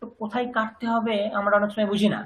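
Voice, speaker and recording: A man's voice: high-pitched, flat delivery. Patient man teaching in an echoey room. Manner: patient, drills words by slow repetition. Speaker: language teacher. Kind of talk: grammar lesson.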